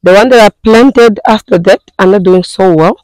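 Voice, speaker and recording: Hoarse woman walking viewers round her backyard garden, lots of ums and restarts, mid-pitched, dry close sound. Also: normal speed, a little mellow, dry recording, poor audio. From Namibia. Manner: chatty, hesitant, with many fillers and restarts. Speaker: gardening vlogger. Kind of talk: casual garden tour talk to viewers.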